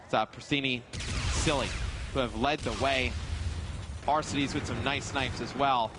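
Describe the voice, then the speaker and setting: A man's voice: mid-range voice, steady tone, normal speed, noisy background. A man giving casual, analytical esports commentary as a caster.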